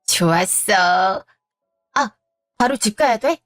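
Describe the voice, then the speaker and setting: A woman's voice: medium pitch, expressive, takes it slowly, fairly bright tone, soft background music. A woman voicing an upbeat, encouraging friend who runs an academy, in a scripted audio drama.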